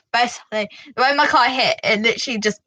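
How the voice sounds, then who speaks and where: A woman with a British accent telling a driving story to camera in a casual, animated way, full of "like" and "you know.". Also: a little high, fairly quick, no room sound, low-quality recording. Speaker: vlogger giving driving advice.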